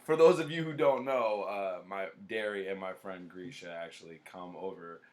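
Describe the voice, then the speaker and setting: Male podcast host, lowish voice, blunt and profane in casual chat. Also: moderate pace, very noisy.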